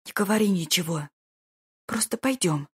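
A woman voicing a flustered young noblewoman who pleads breathlessly and breaks into sharp cries, read with a slightly husky voice. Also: on the low side, moderate pace. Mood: pleading.

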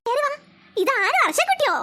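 A woman's voice: extremely high pitch, sing-song, moderate pace, pushed and bright, a little hiss or hum, full character voice. A woman voicing a cheerful female preschool teacher in a cartoon, coaxing crying children in a sing-song Malayali way. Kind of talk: cartoon voice acting.

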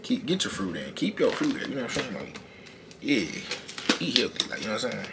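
This young man's mid-range voice is sing-song and fairly quick as he chats to his vlog camera from his bedroom. His talk is slangy and full of repeated phrases, over a clearly noisy background.

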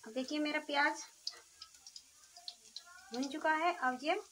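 Woman walking thru her home cooking step by step, high voice, mic a bit far off, pan sizzling. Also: slow pace, pushed and bright. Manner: explains each step while cooking. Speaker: cooking vlogger. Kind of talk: casual cooking narration. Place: small village home kitchen, indoors. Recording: distant phone audio with sizzling noise.

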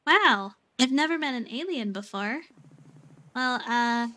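Timid scaly alien creature, female, shy and hesitant, slightly high voice , read by a woman. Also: lively intonation, slow, bright, forceful tone, heavily acted.

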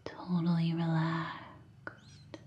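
Slow whispering woman, dull lo-fi sound. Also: deep voice, completely flat delivery. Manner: soft whispering, soothing and encouraging. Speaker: relaxation guide. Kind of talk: ASMR guided relaxation. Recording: dull lo-fi recording.

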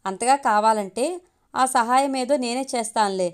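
A woman reads the part of a quick-tempered young wife in a storybook, her voice set a little high. She scolds and sulks in sharp, clipped lines. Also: smooth, close to an everyday voice. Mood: scolding. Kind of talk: storybook reading.

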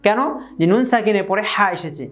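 A woman teaching Quran reading at a whiteboard. She spells out syllables slowly, repeats each example, and often checks in with her viewers. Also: medium pitch. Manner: checks in with listeners by asking "okay?"; addresses viewers formally. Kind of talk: whiteboard lesson.

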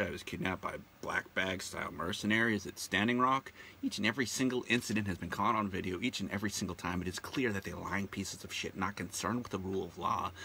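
A man's voice: low voice, bright, forceful tone, a little hiss or hum. A man hosting his own show, delivering a profane, indignant and sarcastic ranting monologue that hammers its words through repetition. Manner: repeats words heavily for emphasis. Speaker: show host.

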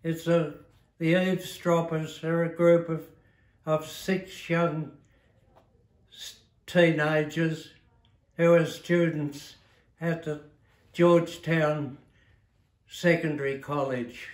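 A retired teacher and author in his nineties, with an Australian accent, is interviewed while seated in an armchair in the living room of an aged-care home. He reminisces slowly and reflectively, measured and halting, often correcting himself; his voice is fairly high with little pitch movement, and the sound is roomy.

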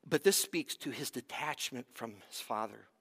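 A man's voice: medium pitch, lively intonation, normal speed, vocal fry, fairly bright tone, husky. A man preaching a sermon as pastor, earnest and emphatic, swelling in intensity and then dropping almost to a whisper. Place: church sanctuary. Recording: long hall reverb.

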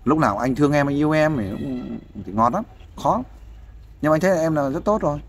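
A man's voice: a little high, expressive, brisk, a little hiss or hum. A man giving fatherly, persuasive advice in a casual interview, often asking for agreement. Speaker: volunteer counselor interviewing a guest.

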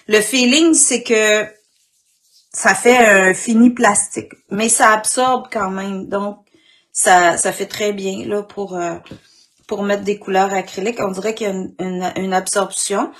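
A woman with a Quebec French accent and a husky morning voice, informally demonstrating an art technique and often clearing her throat. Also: medium pitch, fairly bright tone. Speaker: craft instructor. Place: indoor craft worktable.

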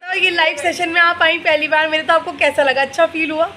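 A woman's voice: very high voice, level tone, fairly quick, noisy background. A young woman chatting casually in a family vlog, affectionate and often laughing. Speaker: vlogger.

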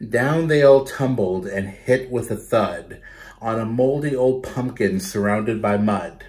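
Reading a picture book to children in a small bedroom, a man speaks with a lower, darkish voice. His animated storytime delivery is instructive, with pauses for questions and explanations aimed at the kids.

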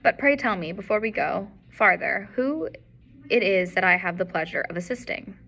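A woman doing a suave, courteous gentleman detective. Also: medium pitch, lively intonation, moderate pace, exaggerated voice. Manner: smooth, courteous, faintly amused. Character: brilliant, blandly polite male detective.

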